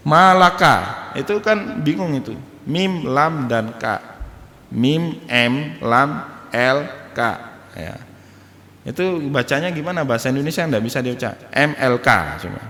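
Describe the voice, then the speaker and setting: Male lecturer, mid pitch, animated teaching style, recorded in a reverberant mosque hall. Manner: lively teaching, jokes and chuckles, spells out letters. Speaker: Islamic lecturer.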